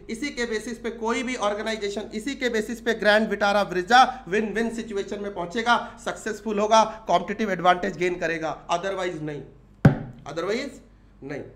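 A man's voice: sits high, fairly bright tone, roomy sound. A male teacher with an Indian English accent, giving a classroom lecture, asking the students questions and repeating the key points.

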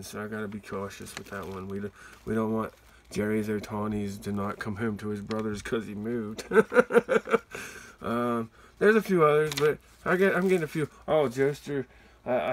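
Excitable man chatting on a mail-day vlog. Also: on the low side, slight background noise. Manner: excitable, laughs often, lots of fillers. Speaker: card collecting YouTuber.

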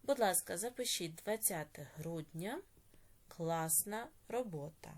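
A woman teacher with a Ukrainian accent giving an online lesson to young children and slowly dictating words with clear stress. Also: lowish voice, lively intonation. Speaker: primary school teacher.

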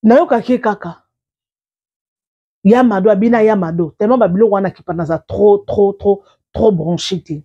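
A woman's voice: medium pitch, normal speed, slightly rough, dull audio. A woman giving casual, rambling commentary as a celebrity news vlogger, often repeating and restarting her words.

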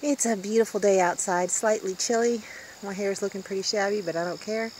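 A woman's voice: medium pitch, steady tone, fairly quick, a little mellow, slight background noise. A woman in her fifties vlogging casually on a walk through the woods, chatty and wondering aloud as she goes, recorded on a handheld phone outdoors. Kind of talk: casual walk-and-talk vlog. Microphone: handheld phone camera.

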